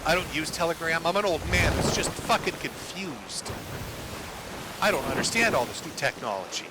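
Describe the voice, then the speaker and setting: A man's voice: on the high side, expressive, moderate pace, heavy background noise. A man commentating on online drama while gaming, profane and mocking. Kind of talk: casual commentary.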